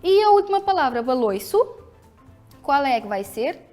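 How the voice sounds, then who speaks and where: A woman teacher with a European Portuguese accent, her voice high and rising and falling a lot. She talks to pupils clearly and patiently, asking questions and answering them herself. Soft music plays faintly behind her. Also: sing-song, normal speed. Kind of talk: televised school lesson.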